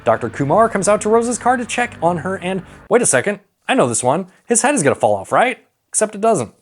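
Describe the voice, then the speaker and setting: A man narrates a movie recap in a high, sing-song voice at a fairly quick clip. His scripted comedy is irreverent, sweary and sarcastic, with music running in the background.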